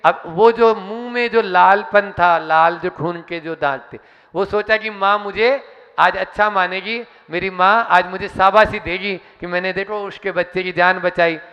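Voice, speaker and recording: High-voiced man telling a moral tale in an echoing hall. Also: a little slow, pushed and bright. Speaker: speaker introducing the main preacher. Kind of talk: religious storytelling. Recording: dull sound with long hall reverb.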